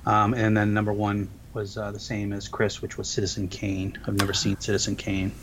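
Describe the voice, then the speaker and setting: A man co-hosting a casual movie podcast, talking haltingly with many pauses and fillers. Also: lowish voice, completely flat delivery, slight background noise, rough recording. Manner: hesitant, full of ums and uhs. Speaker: podcast co-host.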